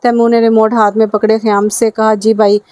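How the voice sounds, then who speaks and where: Woman reading a romance novel, monotone. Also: fairly high pitch, a little fast, dry recording. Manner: steady, even reading with small slips. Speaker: audiobook narrator.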